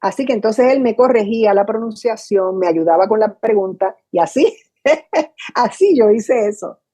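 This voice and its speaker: An older woman with a Puerto Rican accent, a radio announcer recalling her career in an interview from home, lively and acting out old conversations. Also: medium pitch, moderate pace. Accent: Puerto Rican Spanish. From Puerto Rico. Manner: animated storyteller, acts out her own past dialogue. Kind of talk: storytelling interview. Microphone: video call from home.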